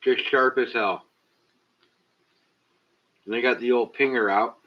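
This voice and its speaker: A man's voice: medium pitch, steady tone, a little slow. A man hosting a casual live stream, cursing a lot and talking straight to viewers in chat. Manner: profane, exasperated, talks straight to chat. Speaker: livestream host. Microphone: cheap webcam built-in mic. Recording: dull lo-fi webcam mic.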